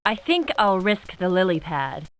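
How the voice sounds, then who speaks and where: A woman playing a sharp-tongued, sarcastic young actress stuck in the jungle, in a video game. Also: fairly low pitch, sing-song, unhurried, very noisy. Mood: wary. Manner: sarcastic, dry jabs.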